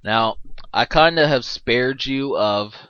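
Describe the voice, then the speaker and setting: A man's voice: mid-range voice, slow pace, fairly bright tone, clean tone, no room sound. A man giving casual, rambling movie commentary, full of fillers and jokes. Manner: rambling, filler-heavy, joking with frequent laughs. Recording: dull, dry lo-fi mic.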